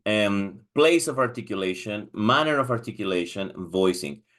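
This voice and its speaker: Low-voiced Mexican man teaching. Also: expressive, a little slow, a bit bright. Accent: Mexican Spanish. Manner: patient explainer, asks questions of viewers and checks with a frequent "ok?". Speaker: English teacher preparing exam candidates. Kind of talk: screen-recorded lesson, switching between Spanish and English.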